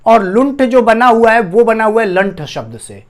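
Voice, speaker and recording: A man's voice: high-pitched, big pitch swings, moderate pace. A man teaching a Hindi grammar lesson, asking the class questions and repeating each key term. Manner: addresses students as "bhaiya". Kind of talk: classroom-style lesson on a whiteboard.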